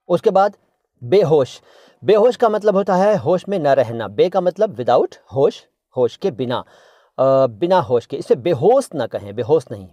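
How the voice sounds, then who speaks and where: A man with an Indian Hindustani accent runs a relaxed video lesson on vocabulary. He playfully repeats words to correct how people say them, slipping in snatches of old songs. The sound is close and dry. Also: a little high, no room sound. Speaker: language teacher and channel host. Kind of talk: casual video lesson on Hindi and Urdu words.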